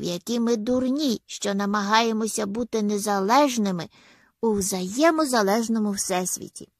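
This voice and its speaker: A woman voicing a nervous, trembling man who pleads slowly and earnestly, in an audiobook reading. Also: sits high, no echo, studio quality, full character voice. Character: nervous trembling man, newly converted zealot.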